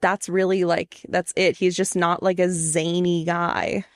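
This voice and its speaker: A woman's voice: fairly low pitch, level tone, measured pace, no echo. Dry, teasing woman podcast host. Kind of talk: casual chat.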